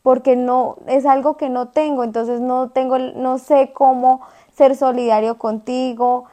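Reflective woman with a warm, higher voice. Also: level tone, measured pace. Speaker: podcast co-host. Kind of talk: casual chat.

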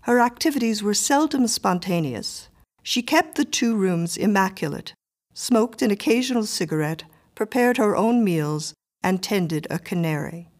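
A woman reading a story aloud in a measured, even way. Her voice sits in a middle pitch, and she keeps a steady storytelling manner throughout. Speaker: narrator. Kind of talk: scripted story narration.

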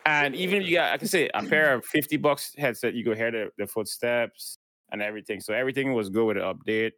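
A man's voice: medium pitch, quick pace, sharp tone, no echo, studio quality. A man co-hosting a casual gaming podcast, giving blunt, dismissive opinions. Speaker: podcast co-host.

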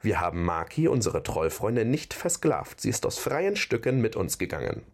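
A man playing a calm, soothing companion. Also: lowish voice. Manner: measured, soothing, placating. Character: calm, diplomatic adult male companion.

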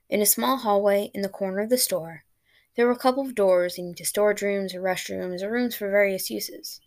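Brief: woman storyteller, mid-pitched, a bit of vocal fry, steady delivery. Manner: steady reading of her own story. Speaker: podcast host and author. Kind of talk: storytelling narration.

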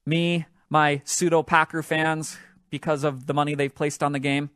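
A man hosting a solo podcast, telling a sports story in an animated, excitable way that builds up with the action. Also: on the high side, normal speed, no room sound, clean studio sound. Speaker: podcast host.

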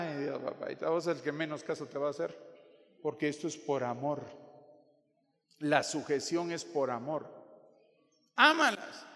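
A man preaching a sermon in a joking, animated way, addressing listeners as brother. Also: on the high side. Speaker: pastor. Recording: long hall reverb.

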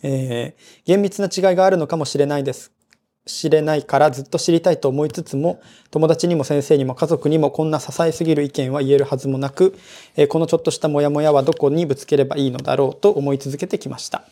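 A man co-hosting a podcast, reading a listener's letter aloud in a relaxed way and chuckling as he chats. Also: on the high side. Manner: relaxed, chuckling, mixes Japanese and English. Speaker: podcast co-host.

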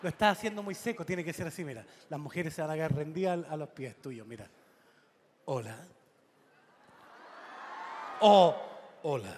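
A man with a Chilean Spanish accent plays the straight man in a comic double act. His voice sits fairly high for a man, and he talks in teasing, bossy interjections that cut across his partner's story. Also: fast talker, few pauses, noisy background. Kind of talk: comic sketch banter.

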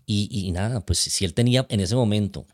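A man, a father calmly recounting a parenting dispute to his partner, with many restarts and a habit of asking "¿sí?". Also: fairly low pitch, fairly quick. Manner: hesitant, many restarts, frequent tag "¿sí?". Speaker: father of twins. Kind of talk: calm personal account to partner.

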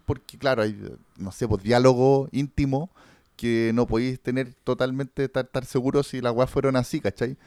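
A man's voice: mid-range voice, darkish tone, smooth, no echo, clean studio sound. A man with a Chilean accent hosting a podcast, talking casually and rambling about a series, full of slang and fillers. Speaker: podcast host. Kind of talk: casual chat reviewing a series.

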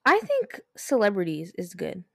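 A young woman bantering on her podcast, her voice swinging widely up and down as she reacts. Her comments are wry and quick, recorded close and dry. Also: mid-range voice, huge pitch swings, creaky, dry recording. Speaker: podcast co-host. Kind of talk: casual chat.

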